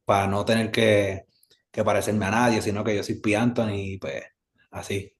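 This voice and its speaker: Puerto rican musician guy, lowish voice, rambly and easygoing, lots of fillers. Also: level tone, normal speed. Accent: Puerto Rican Spanish. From Puerto Rico. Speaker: musician guest. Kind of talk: casual interview.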